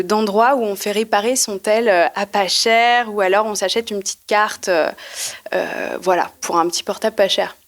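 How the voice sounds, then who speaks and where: A young woman telling a funny personal story at a live podcast recording, in casual slangy speech, acting out what she thought back then. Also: mid-range voice. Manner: lively and slangy, acts out her own past thoughts. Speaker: guest storyteller.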